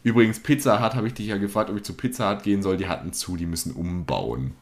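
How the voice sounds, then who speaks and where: A young man chatting casually, telling a lively anecdote and acting out the people in it. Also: on the low side, fast talker. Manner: animated storyteller acting out dialogue.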